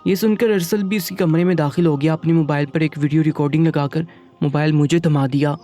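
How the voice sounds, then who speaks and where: Man narrating a sad story, highish mellow voice, faint music behind. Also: fairly even intonation. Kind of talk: first-person story narration.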